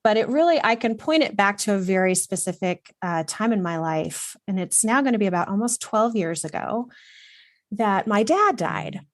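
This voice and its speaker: With lively intonation at a moderate pace, the middle-aged woman from Texas, USA, a guest and wardrobe consultant, recounts personal stories in a casual, earnest, reflective way with some fillers. Her pitch is medium, and the recording is dry and studio quality.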